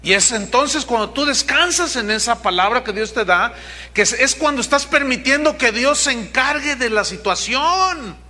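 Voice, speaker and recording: A male pastor preaches with animated energy, acting out the people in his stories. His voice sits high for a man and rings bright and forceful. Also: moderate pace. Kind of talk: sermon.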